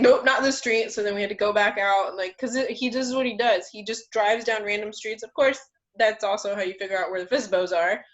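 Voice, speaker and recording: A young woman co-hosting a casual home podcast, chatting bluntly and telling stories with a joking edge, and she says her voice is deep for a woman. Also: fairly bright tone. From Florida. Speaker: podcast co-host. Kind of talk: casual chat. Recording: muffled lo-fi home recording.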